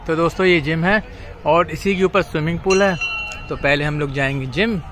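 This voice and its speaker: With music in the background, a twenties-aged man speaks at a moderate pace in a slightly high voice. He vlogs on a phone held out at arm's length, chatting to viewers as friends around his apartment complex's gym and game room, indoors and outdoors; the recording is noisy.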